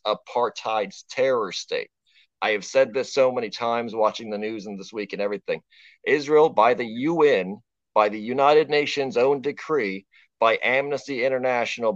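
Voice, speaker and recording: A man's voice: mid-range voice, dry recording. Texan man, podcast guest, profane and emphatic, dull lo-fi sound. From Texas. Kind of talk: casual podcast conversation. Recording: dull, dry lo-fi remote audio.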